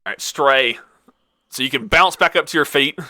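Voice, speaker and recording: Bright-voiced man running a tabletop game. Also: medium pitch, normal speed, no room sound, clean studio sound. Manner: relaxed, self-correcting, laughs easily. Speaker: game master.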